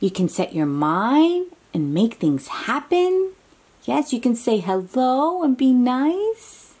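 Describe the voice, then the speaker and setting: Reading to young children slowly and with animation, a woman speaks in a high-sitting, slightly rough voice. It's a picture-book storytime full of encouragement, exclamations, questions to the listener and chatty asides.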